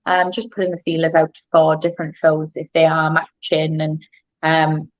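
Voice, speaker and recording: Low-voiced woman, hesitant and casual. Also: monotone, moderate pace, lo-fi sound. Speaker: guest, MMA fighter. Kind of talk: casual interview chat.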